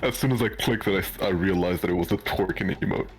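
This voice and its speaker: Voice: sits low, fast, faint music behind. A tabletop game streamer chatting casually in a sweary, teasing way. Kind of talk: casual chat.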